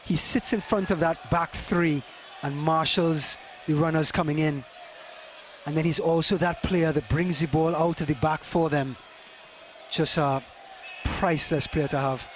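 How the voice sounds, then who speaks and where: Man, soccer color commentator, measured explanations, somewhat high voice, light background noise. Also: steady tone. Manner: explanatory, measured analysis of plays and players. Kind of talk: live soccer analysis.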